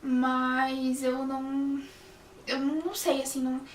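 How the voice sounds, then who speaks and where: Her voice sits high and level, and she talks a little slowly as she chats casually to camera. She's a young journalism student whose sentences often restart, with "sabe?" used a lot. The recording has slight hiss or hum, a roomy echo, and a mic somewhat distant from her.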